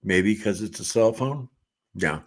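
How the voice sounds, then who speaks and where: A middle-aged man hosting a casual livestream, reading viewer comments aloud and chatting in a relaxed way with frequent laughs. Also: fairly low pitch, unhurried.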